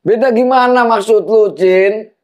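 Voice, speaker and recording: A man's voice: high-pitched, steady tone, a little slow, darkish tone, dull audio. A man playing an angry middle-aged father confronting his son-in-law in a film. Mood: furious. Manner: scolding, insistent, confrontational. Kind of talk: low-budget film acting.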